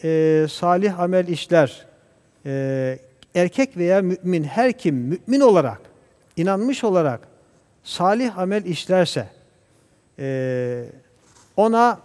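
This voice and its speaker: A man speaking as a guest scholar on a religious TV program, talking in a measured, preacher-like way and reciting Arabic verses. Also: high-pitched, lively intonation, a little mellow, long reverb tail. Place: TV studio.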